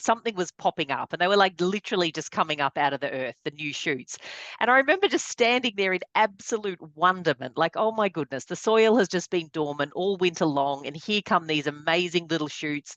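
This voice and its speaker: A woman hosting a podcast, telling stories in an enthusiastic, expressive way. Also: fairly low pitch, no room sound. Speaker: podcast host. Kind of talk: conversational podcast chat.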